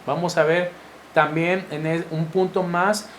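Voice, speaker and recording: A man with a Mexican Spanish accent teaching a Bible lesson to men, animated and acting out the voices of wives and husbands. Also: fairly high pitch, measured pace. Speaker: church teacher. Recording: echoey room with faint noise.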